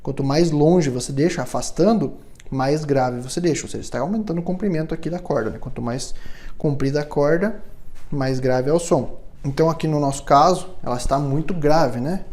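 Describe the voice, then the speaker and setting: A man, speaking in a slightly raised, mellow and warm voice. He explains instrument setup patiently, step by step, as a hands-on workshop demonstration, and keeps checking in with the listener. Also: a little high, a little fast. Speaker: luthier instructor.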